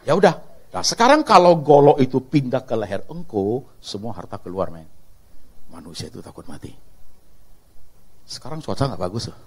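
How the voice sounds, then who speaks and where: Animated, high-voiced male preacher. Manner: animated, swings between loud emphasis and hushed asides; addresses listeners as "saudaraku". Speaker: pastor. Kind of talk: live sermon.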